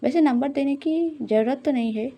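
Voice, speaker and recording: A woman voicing a chatty, cautious schoolboy who talks quickly in an audio love story. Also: high-pitched, warm tone, pitched above the performer's own voice. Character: young male schoolboy friend, chatty and cautious.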